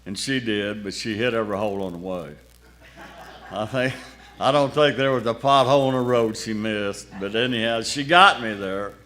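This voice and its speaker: A man's voice: on the low side, normal speed, a bit bright. Folksy older male pastor telling a story. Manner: folksy, colloquial, wry. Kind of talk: sermon testimony storytelling.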